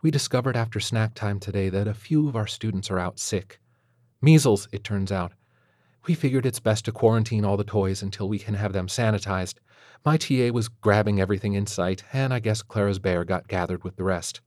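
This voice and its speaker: A man's voice: on the low side, fairly quick, a little mellow, dry recording, clean studio sound, natural voice. A man voicing a prim, passive-aggressive female kindergarten teacher with a sugary, condescending manner. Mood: sugary preachy. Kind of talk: audiobook character voice.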